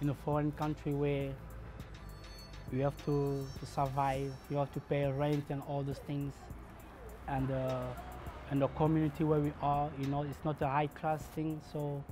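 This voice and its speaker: A man in his thirties tells his story as a barbershop owner in a documentary interview, pausing and restarting often as he searches for words. His voice sits a little high and stays flat, with only small rises and falls. Faint music plays under him. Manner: hesitant, many restarts and fillers. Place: barbershop, indoors.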